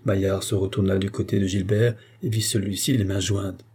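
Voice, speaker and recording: A man narrating a classic novel as an audiobook, reading in a measured, solemn way. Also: low voice, level tone, warm tone, slightly rough. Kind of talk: scripted narration.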